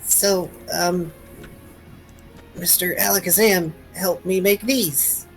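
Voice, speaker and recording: A man's voice: high voice, fairly even intonation, takes it slowly, faint music behind, pitched above the performer's own voice, low-quality recording. A man voicing a polite, modest young bat creature student in a tabletop role-play, hesitant and correcting himself. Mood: shy, modest.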